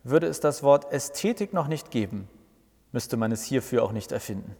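A man's voice: mid-range voice, lively intonation, moderate pace, a little mellow, breathy edge. A man reading a humorous scripted story with wry, dry asides, in a reverberant recording. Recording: long reverb.

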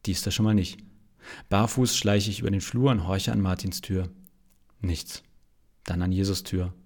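A man's voice: sits low, steady tone, moderate pace, a little mellow. A male pastor narrating a humorous story in a dry, wry manner.

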